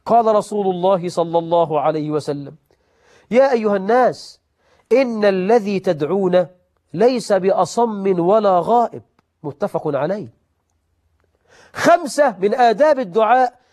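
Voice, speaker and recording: A man preaching in Egyptian Arabic, swinging between loud emphatic lines and soft asides, and slowing down to recite scripture. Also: high-pitched, animated. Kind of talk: sermon on prayer etiquette.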